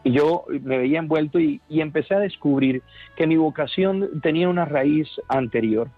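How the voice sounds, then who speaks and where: Earnest Colombian priest on radio. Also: male voice, fairly high pitch, normal speed, dry recording, narrow, tinny audio, soft background music. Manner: earnest, fervent, with frequent restarts. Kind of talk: radio interview testimony.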